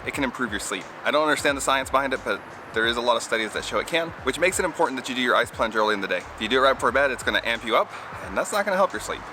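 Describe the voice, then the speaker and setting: Talking very fast and expressively, another cold plunge vlogger chats casually to camera in the open air. He has a mid-range voice, and noise fills the background.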